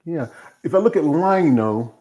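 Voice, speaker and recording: A man's voice: a little high, animated, a little slow, dark tone. A man in his fifties talks casually as host of a live stream. He rambles, circles back, and leaps from one tangent to another in an easy, conversational flow. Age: 50s. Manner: rambling, jumps between tangents.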